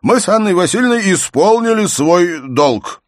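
A man voicing a pompous, indignant aristocratic father who lectures grandly and breaks into a shrill falsetto. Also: expressive, normal speed, no echo, studio quality. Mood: pompous lecturing. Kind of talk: audiobook character reading.

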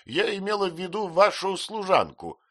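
A man's voice: high voice, sing-song, normal speed, dry recording, studio quality, pitched above the performer's own voice, full character voice. A man playing a bossy, imperious old aunt. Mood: commanding. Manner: sharp, peremptory, impatient. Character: stern, commanding elderly aunt, imperious and brusque.

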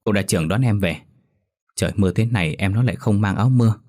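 A man's voice: on the low side, quick pace, darkish tone, lightly acted. A man voicing a worried, hard-working widowed aunt in a horror audiobook.

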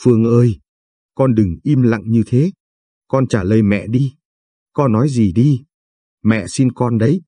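A man's voice: mid-range voice, a little slow, long pauses, warm tone, slightly rough, dry recording. A man voicing a desperate, indebted middle-aged mother who begs her child through tears. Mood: pleading. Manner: begging, weepy pleading.

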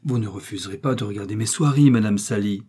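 Un colporteur rusé et costaud, joué par un homme dans un livre audio, à la voix insinuante puis brutale, un peu plus aiguë que celle du narrateur, au timbre sombre et voilé. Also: male voice, fairly low pitch, fast, warm tone, husky. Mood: wheedling. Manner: wheedling, then bullying. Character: sly burly male peddler, insinuating then harsh.

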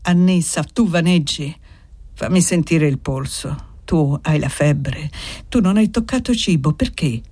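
A reader playing an old male family servant who speaks slowly, gently and in a pleading way. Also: medium pitch, lively intonation, breathy edge.

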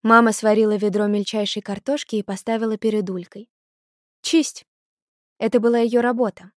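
A woman's voice: mid-range voice, level tone, fast talker, no echo. Woman narrating a novel, dry and close. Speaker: audiobook narrator. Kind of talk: scripted narration.

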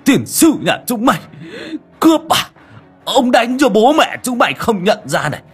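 A man voicing a stingy, hot-tempered old coal porter who shouts, curses and stammers. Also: deep voice, lively intonation, moderate pace, husky, soft background music, full character voice. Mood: furious.

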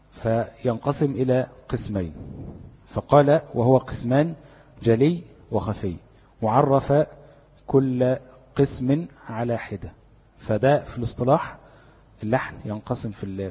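A man's voice: mid-range voice, mellow, in a large hall, slight background noise. A man with an Egyptian Arabic accent teaching the rules of Quran recitation in a lecture, explaining step by step and asking his students questions he then answers himself. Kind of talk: classroom lecture on tajweed.

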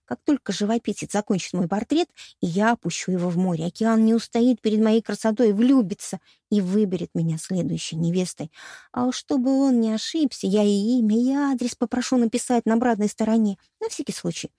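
A woman's voice: mid-range voice, fairly quick, dark tone, no echo, clean studio sound, lightly acted. A woman reading a storybook aloud, voicing Veronika, a vain, scheming young noblewoman who chatters and boasts. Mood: dreamy.

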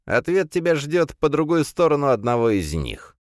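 Guy doing a high creaky little old man, sly and mocking, storybook. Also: very animated, normal speed, dry recording, clean studio sound. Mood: sly, cryptic. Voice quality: thin creaky voice. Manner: mocking, cryptic.

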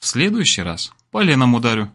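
A man voicing a calm, sharp-tongued young woman with a dry, unflustered manner. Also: medium pitch, brisk. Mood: scolding.

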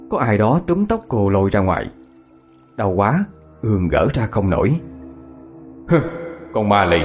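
A man telling a ghost story in a low voice with lively, expressive pitch. Faint music plays behind him. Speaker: narrator. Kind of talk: storytelling narration.

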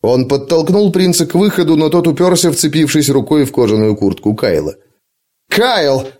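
A man reading an adventure audiobook in a dramatic, expressive narration. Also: a little high, fairly quick. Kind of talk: scripted narration.

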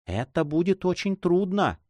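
A man's voice: high voice, sing-song, normal speed, a little mellow, no echo, voice pushed up. A man reading aloud and voicing a young woman in love, anxious and devoted, in a pleading, fearful, tender manner.

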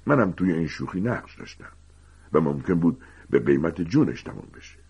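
Man playing a gentle weary teacher in an audiobook, deep, gravelly, lively, dull lo-fi. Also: exaggerated voice. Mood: confiding. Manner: calm, confiding storytelling. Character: gentle, weary grown male teacher confessing secrets. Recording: dull lo-fi recording.

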